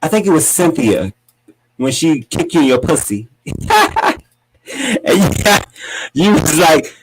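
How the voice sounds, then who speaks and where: A man's voice: very animated, takes it slowly, husky, rough recording. Sassy man dishing gossip. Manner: sassy, dramatic, jumps into high mocking voices. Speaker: podcast host. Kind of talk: casual gossip commentary.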